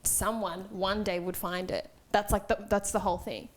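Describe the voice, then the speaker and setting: An Australian woman co-hosting a casual podcast, telling rambling, excitable anecdotes. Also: mid-range voice, moderate pace. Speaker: podcast co-host. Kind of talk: casual chat.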